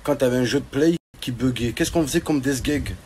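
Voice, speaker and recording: An online comedian tells comic stories in casual street slang, sounding exclamatory and mock-indignant. His voice is medium-pitched, a little mellow, and a bit fast, with a clearly noisy background behind him.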